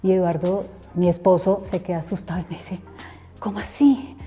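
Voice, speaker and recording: A woman's voice: fairly low pitch, flat delivery, fast, dark tone, slightly rough, faint music behind. A middle-aged woman, a preacher earnestly telling her personal testimony and acting out remembered conversations.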